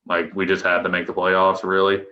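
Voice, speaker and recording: A man in his twenties, a professional pitcher, chatting loosely as a podcast guest with restarts and chuckles. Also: completely flat delivery, fairly quick. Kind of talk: casual podcast interview. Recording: echoey room, dull lo-fi sound.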